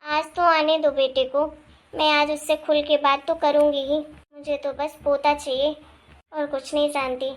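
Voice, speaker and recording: A woman's voice: high-pitched, level tone, measured pace. A woman voicing a nagging older mother-in-law who complains and scolds. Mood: scolding.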